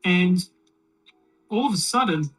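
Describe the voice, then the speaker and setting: A speaker alone in a room, telling a long shaggy-dog joke in a rambling, deadpan way with plenty of fillers. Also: medium pitch, measured pace, far from the mic, poor audio. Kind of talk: shaggy-dog joke told while painting miniatures.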